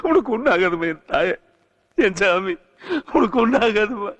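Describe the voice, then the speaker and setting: An actor playing a devoted village son who comforts weeping relatives and pleads tearfully, with a rural Tamil Nadu accent. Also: male voice, high-pitched, very animated, normal speed, dry recording, exaggerated voice. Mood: pleading. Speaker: film actor. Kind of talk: Tamil film drama acting. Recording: film soundtrack over loud music.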